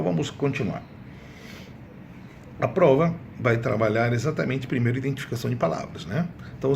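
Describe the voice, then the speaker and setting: Low-voiced man teaching a grammar lesson. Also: a little hiss or hum. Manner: repeats key words, drawn-out emphatic examples. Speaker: Spanish teacher. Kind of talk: exam review lesson.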